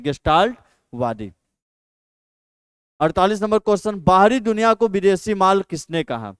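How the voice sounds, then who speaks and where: A man's voice: high-pitched, clean tone, dry recording. A man teaching an exam practice lesson, repeating each question and then answering it himself.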